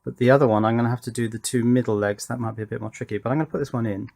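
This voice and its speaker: A man hosts an electronics workshop video, casually demonstrating hands-on work while thinking aloud and posing little questions to himself. His mid-range voice is steady, creaky and darkish, delivered rapid-fire.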